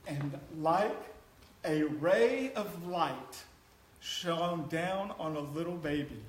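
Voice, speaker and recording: A man's voice: on the high side, lively intonation, takes it slowly, slight background noise. A man preaching a sermon, chatty and joking with the congregation, then building to a passionate exhortation. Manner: conversational, rising to passionate exhortation. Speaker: pastor. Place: church sanctuary. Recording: echoey church hall.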